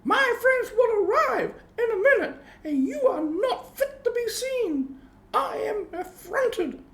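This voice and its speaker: A man voicing a fussy, bossy mother cat from a children's storybook, in a prim, scolding falsetto. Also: big pitch swings, takes it slowly, vocal fry, reverberant, exaggerated voice. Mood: affronted scolding. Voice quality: very high falsetto.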